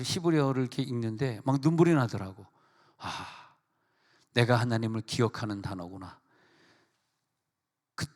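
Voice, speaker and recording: A middle-aged man delivers a sermon as senior pastor, his voice ringing through a big sanctuary with a long echo. He talks animatedly, acts out quoted voices and breaks off to joke with his congregation. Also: mid-range voice. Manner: animated preaching with acted-out quotes and asides to the congregation. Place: church sanctuary. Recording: long reverb of a church hall.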